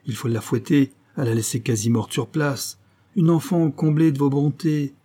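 A man's voice: mid-range voice, normal speed, mellow, slightly rough, voice pushed up, natural voice. A man voicing a stern older male country gendarme who speaks harshly and threateningly.

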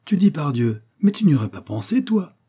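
A man voicing a pompous, doddering elderly gentleman who lectures his friend with boastful, self-satisfied reasoning in a storybook reading. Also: medium pitch, expressive, moderate pace, slightly rough, voice pushed up.

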